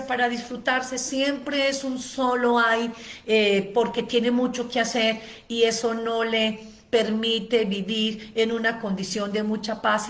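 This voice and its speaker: A woman giving a spoken lecture on ADHD, explaining at length with frequent "eh" fillers and long lists. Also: fairly high pitch. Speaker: ADHD educator giving a seminar.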